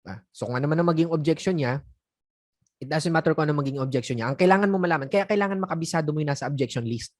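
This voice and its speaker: A man's voice: a little high, rapid-fire. A man coaching online sellers in a casual teaching talk. He speaks conversationally, chuckles often and drops in acted example phrases. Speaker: sales coach.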